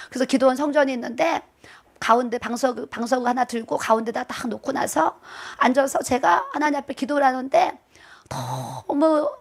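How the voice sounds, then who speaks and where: Woman, middle-aged, pastor's wife, sermon, high voice, emphatic, repetitive, chuckles. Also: vocal fry. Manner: emphatic and repetitive, with chuckles and self-mocking asides.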